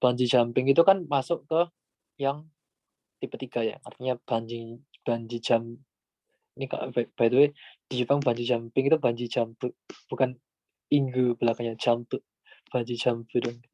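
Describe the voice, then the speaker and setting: A man talks through a language lesson in a loose, friendly, filler-heavy way. His voice sits in an ordinary middle pitch. The sound is dry and close, with no room around it. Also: fairly even intonation, moderate pace, pauses often, mellow, dry recording. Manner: chatty, informal, many fillers like "gitu". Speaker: Japanese language tutor. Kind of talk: casual online lesson.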